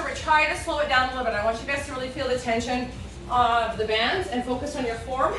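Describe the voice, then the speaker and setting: A woman's voice: sits high, fairly bright tone, slight background noise. A woman leading a home workout class as an aerobics instructor, calling out counts, form cues and encouragement. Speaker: fitness instructor. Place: indoor room, virtual workout video. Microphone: distant from the speaker. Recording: echoey room, distant mic, music behind.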